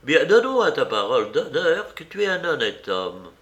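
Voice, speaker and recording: A man's voice: on the high side, very animated, normal speed, fairly bright tone, voice pushed up. A man voicing an elderly aunt in an audiobook, fussy and shrewd, with a quavering sing-song manner. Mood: fretful.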